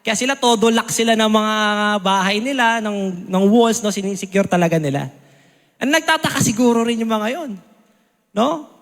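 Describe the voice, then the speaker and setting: A man's voice: high voice, lively intonation, moderate pace. A Filipino man preaching a sermon in Taglish, tagging lines with "no?" and "amen?" and acting out soldiers' questions in a raised voice. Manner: Taglish with constant "no?" and "amen?" tags. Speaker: lay preacher. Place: church hall. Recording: long church hall reverb.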